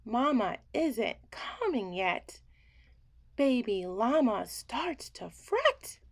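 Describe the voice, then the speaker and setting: A woman with a voice on the high side reads a children's bedtime story aloud, drawing out her words. Her theatrical, expressive delivery acts out the emotions in the text.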